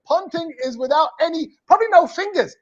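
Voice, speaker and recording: A man hosting a cricket fan show in a lively, playful, teasing live-stream chat. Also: very high voice, fairly quick, dull audio.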